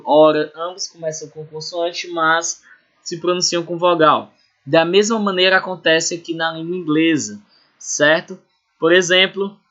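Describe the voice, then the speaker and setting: A man's voice: fairly high pitch, sharp tone. A male English teacher with a Brazilian Portuguese accent, going over a lesson review for students and checking in often with "certo?" and "beleza?". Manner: explains slowly, repeats and checks with "certo?" and "beleza?". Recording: dull lo-fi recording.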